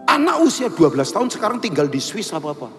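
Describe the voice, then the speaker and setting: A male pastor preaching a lively sermon, telling stories and addressing the congregation directly. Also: high voice, fast talker, long reverb tail, soft background music. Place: church hall.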